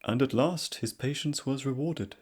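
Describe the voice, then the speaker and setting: A soft-spoken man narrating a classic story in a slow, measured manner. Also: mid-range voice, breathy edge.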